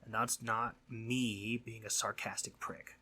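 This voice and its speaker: Playing a sleep demon who is both mischievous and concerned, a man delivers a roleplay monologue that is husky, conversational, earnest and teasing, sometimes falling to breathy near-whispers. His fairly low pitch stays level and unhurried, pushed and bright in tone, over slight background noise. He sounds earnest and frustrated.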